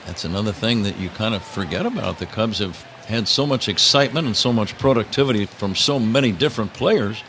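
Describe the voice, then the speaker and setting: With hardly any pauses, a low-leaning male voice delivers live radio play-by-play of a baseball game a little fast. Outdoor ballpark sound stays steady underneath, leaving slight background noise.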